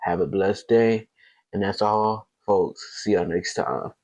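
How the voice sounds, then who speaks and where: Laid-back low-voiced male reaction host. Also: slow, darkish tone, no room sound, highs cut off. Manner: laid-back, talks to viewers as "y'all". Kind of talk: casual reaction commentary.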